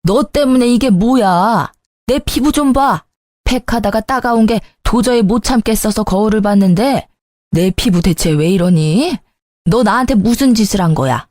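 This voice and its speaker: A woman's voice: mid-range voice, moderate pace, darkish tone, dry recording, clean studio sound, natural voice. A woman doing a bossy, vain mother-in-law. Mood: furious. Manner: scolding, bossy, demanding. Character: vain, shrill-tempered older mother-in-law. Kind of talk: storytelling voice acting.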